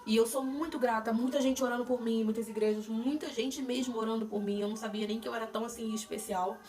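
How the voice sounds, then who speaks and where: A woman's voice: fairly high pitch, steady tone, quick pace, darkish tone. Candid Brazilian woman, slightly distant mic. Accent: Brazilian Portuguese. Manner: chatty, candid, many fillers and restarts. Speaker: vlogger sharing her cancer treatment. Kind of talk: emotional personal vlog. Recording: voice a bit distant from the mic, faint noise.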